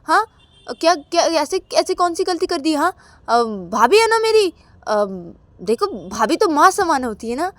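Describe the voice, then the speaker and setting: Playful kid brother, played by a woman: high, dry-sounding, pleads and stammers to explain himself. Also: sing-song, measured pace, no echo, exaggerated voice. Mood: defensive. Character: teasing playful younger brother, young man.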